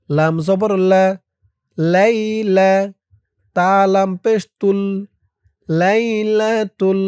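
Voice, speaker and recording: Slow, clear man spelling out recitation. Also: high voice, a little mellow, no echo, studio quality. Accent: Bangladeshi Bengali. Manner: slow, spells each syllable, then chants the words drawn out. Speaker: Quran recitation teacher. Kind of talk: letter-by-letter Quran reading lesson.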